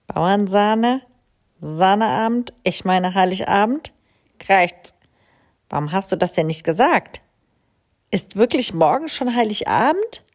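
A woman voicing a fussy, self-centered female crow who talks in an excitable, whiny and hurried way. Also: mid-range voice. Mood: flustered.

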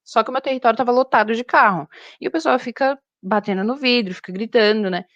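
A young woman, a zookeeper, chatting casually and telling stories in an animated way. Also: on the high side, fast, no room sound, highs cut off. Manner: animated storytelling. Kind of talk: casual chat.

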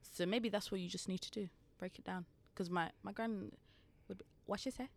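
A woman's voice: medium pitch, fairly even intonation, moderate pace, gravelly. A young woman with an English accent, co-hosting a casual chat podcast and telling stories with quoted asides. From England. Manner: chatty storyteller, slips into quoted voices. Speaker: podcast co-host.

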